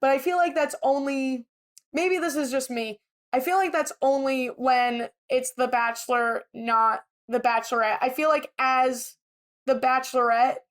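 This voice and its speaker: A woman with a high-sitting voice co-hosts a podcast, speaking at a measured pace. She chats casually while recapping reality TV, offering her opinions freely.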